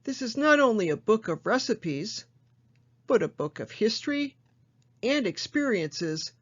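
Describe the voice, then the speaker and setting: A woman librarian reads book reviews aloud at a slow, unhurried pace. Her voice sits at an ordinary middle pitch, and the recording sounds dull and lo-fi. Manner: slow, measured reading with asides. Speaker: librarian host.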